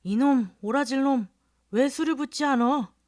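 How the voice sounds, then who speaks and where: A woman voicing a crude, drunken middle-aged male rickshaw puller in a storybook reading, shouting and cursing. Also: fairly high pitch, normal speed, no room sound, studio quality, lightly acted. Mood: rowdy drunk.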